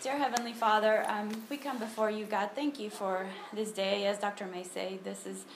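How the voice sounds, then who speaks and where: A Honduran woman in her thirties gives a casual personal testimony with prayer at a church ministry meeting, speaking at normal speed with a medium pitch and steady tone. She talks conversationally, with many ums and restarts. A phone on a table records her in an echoey room with noticeable background noise.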